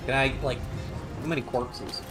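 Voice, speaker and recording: A man streaming a game, chatting casually and thinking out loud about his moves, with game music behind. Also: medium pitch, fairly even intonation, moderate pace. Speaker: gaming streamer. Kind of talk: casual gameplay commentary.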